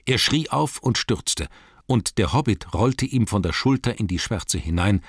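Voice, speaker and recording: A man narrating a storybook in a measured, dramatic reading, slowing down for emphasis. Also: lowish voice, expressive, slightly rough, no echo, clean studio sound. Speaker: audiobook narrator.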